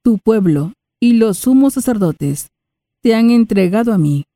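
A woman's voice: on the high side, lively intonation, a little slow, dark tone, no echo, clean studio sound, pitched above the performer's own voice. A woman reading the part of Pilate, a stern male Roman governor, in a raised, questioning voice.

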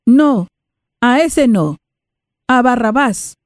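A woman reading the part of an angry crowd of accusers, in high, loud, insistent calls. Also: very animated, measured pace, no room sound, clean studio sound. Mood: demanding.

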